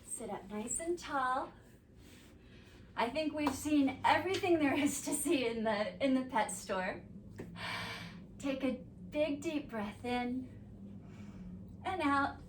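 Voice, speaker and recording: Female kids' yoga teacher, unhurried and sing-song, recorded at a distance in a roomy space. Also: sits high, background noise. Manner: gentle, slow, sing-song prompts to children. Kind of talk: guided kids' yoga instruction. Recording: echoey room, mic at a distance.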